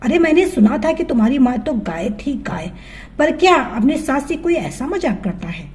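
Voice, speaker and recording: A woman voicing a sharp-tongued, grumbling older mother-in-law in a storybook tale, with a scolding, sarcastic manner. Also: high-pitched, sing-song, moderate pace.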